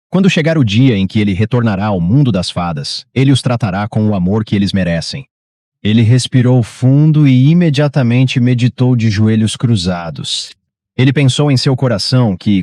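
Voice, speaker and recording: Steady male recap narrator, dry sound. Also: fairly low pitch, no room sound. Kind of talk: scripted story recap narration.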